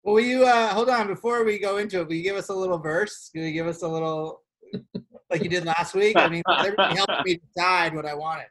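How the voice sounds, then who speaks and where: A man's voice: sits high, fast talker. A man co-hosting a casual podcast, playful and loose, with lots of fillers and some swearing. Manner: playful, animated reading of gossip. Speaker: podcast co-host. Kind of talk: casual chat.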